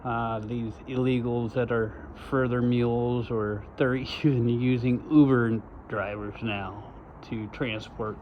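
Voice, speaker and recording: A man's voice: mid-range voice, fairly even intonation, slow pace, hardly any pauses. A man from Arizona talking in an urgent, repetitive, emphatic way for his vlog, recorded outdoors by a road. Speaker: vlogger. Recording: lo-fi with loud outdoor noise.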